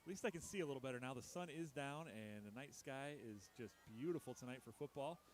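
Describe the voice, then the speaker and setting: A man calling a local high school football game play by play, chatty and joking at his own expense, his voice jumping up on big plays. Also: expressive, fast. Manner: jokey, chatty, laughs at himself, rises sharply on big plays. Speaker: play-by-play announcer.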